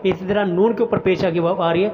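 A man teaching Quran pronunciation in an online class, chanting each verse slowly, then explaining the rules briskly. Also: sits high, fairly even intonation, in a large hall, highs cut off.

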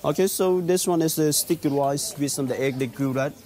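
A man from Laos with a Lao accent, a local guide explaining food at an outdoor market in halting English with many fillers. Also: a little high, a little mellow.

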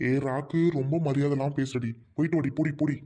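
A man's voice: medium pitch, fairly even intonation, mellow, natural voice. A man with a central Tamil Nadu accent voicing a lazy, teasing husband in a cartoon. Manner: teasing, fast-talking. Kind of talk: cartoon voice acting.

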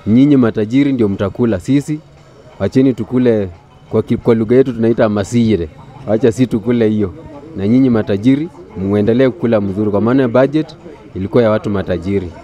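A man's voice: on the low side, fast, mellow, highs cut off. A man in his thirties with a Kenyan accent, bluntly complaining in an outdoor street interview, speaking into a handheld mic. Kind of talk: vox pop street interview. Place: outdoors by a brick building. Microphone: handheld furry mic held close.

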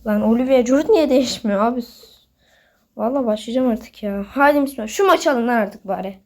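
A high-pitched woman talks her way through a football manager game. She is excitable and keeps scolding the players on screen. She also chats to her viewers as if they were friends. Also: fairly quick. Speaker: gaming video host. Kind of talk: casual gameplay commentary.

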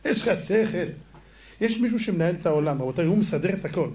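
A male rabbi delivering a lesson through stories, his voice sitting fairly high. He talks animatedly, throws rhetorical questions at his listeners and acts out the people he quotes. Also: lively intonation, darkish tone, slight background noise. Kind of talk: storytelling Torah lesson.

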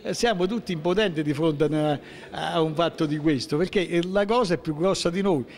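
A local political figure, sixties, talks in an impromptu interview while a handheld mic is held toward him in the indoor hallway of a public building. The accent is southern Lazio, central-southern Italian; his voice is on the high side with a darkish tone, echoing as in a large hall. Aggrieved and emphatic, he halts and restarts, asking the same rhetorical questions repeatedly.

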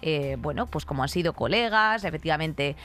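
Her voice is deep, expressive, brisk and a bit bright. She's a woman in her thirties with a Spain accent, co-hosting a podcast indoors in a radio-style studio and giving conversational, opinionated commentary that's rambling, colloquial and blunt. A studio microphone on a desk stand records her.

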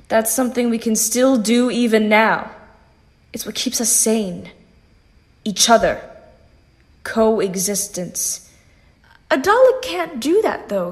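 In a sci-fi audio drama, a woman with a fairly high voice plays a composed phantom. She reasons in a measured, pointed, persuasive way.

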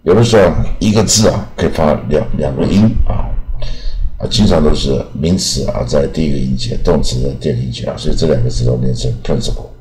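Very deep-voiced male pronunciation teacher. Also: darkish tone, low-quality recording. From Taiwan. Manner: repeats each word slowly, sentences often trailing with "啊".

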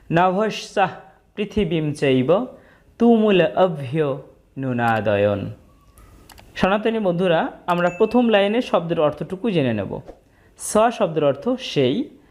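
A woman teaching the pronunciation of Sanskrit verses, speaking slowly and deliberately and chanting each verse. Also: low voice, darkish tone. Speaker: scripture teacher.

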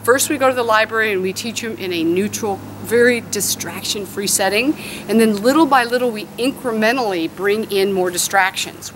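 A woman dog trainer explaining her training methods step by step, outdoors on grass. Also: medium pitch. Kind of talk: instructional explanation. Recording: outdoor background noise.

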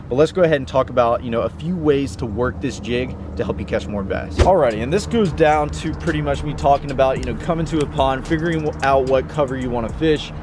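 A young man hosting a fishing video outdoors by a pond, explaining techniques in a chatty way with lots of fillers. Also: medium pitch. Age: young adult. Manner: chatty, fillers like "you know" and "um". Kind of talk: casual outdoor instruction. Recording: outdoor recording with clear background noise.

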